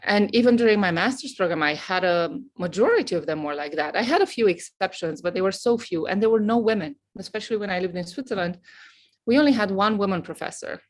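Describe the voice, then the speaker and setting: A middle-aged Romanian professor, appearing as a guest in a casual interview, tells her story in an outgoing, boisterous way. Her mid-range voice is expressive and fast.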